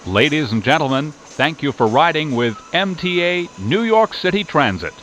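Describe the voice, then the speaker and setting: Over faint train noise, a man reads recorded service announcements. His voice is a little high and quite animated in pitch, with a formal, measured public-address delivery. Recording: noisy recording inside a train. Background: train vehicle noise.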